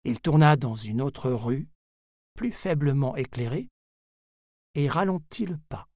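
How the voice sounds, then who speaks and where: Male audiobook narrator: unhurried, slightly husky delivery, dry close sound, measured storytelling. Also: mid-range voice, expressive, a little mellow, dry recording. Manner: measured, deliberate reading. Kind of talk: scripted narration of a novel.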